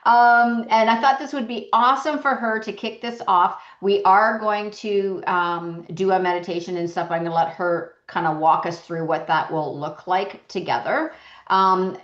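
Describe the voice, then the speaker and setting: Woman hosting online, roomy dull audio. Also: lowish voice. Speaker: session host. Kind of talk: informal online presentation. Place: indoors, on an online video call.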